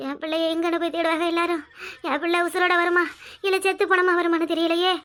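A woman's voice: very high voice, flat delivery, fast, fairly bright tone. A woman voicing a grieving village mother in a cartoon, lamenting her missing child in a Tirunelveli Tamil accent. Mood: wailing grief. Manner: wailing, lamenting. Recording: cartoon dub with music underneath.

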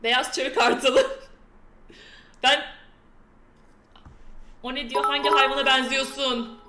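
Bright-voiced young woman streaming. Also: high voice, fairly even intonation, takes it slowly, reverberant. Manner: chatty, playful, reads quiz questions aloud to chat. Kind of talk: casual live-stream chat. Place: indoor room with a door that keeps slamming.

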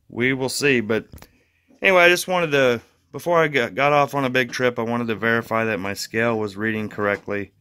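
A man chats through a casual how-to for his fishing channel, rambling a little with fillers and restarts. His voice is fairly low and smooth, with a bright edge. The sound is dry and close, recorded on a phone indoors. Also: dry recording.

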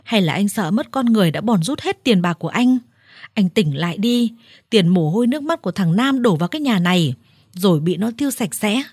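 A woman voicing a furious older village woman who scolds her brother in a harsh, shouting manner. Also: medium pitch, lively intonation, a little fast, breathy edge, no echo, clean studio sound.

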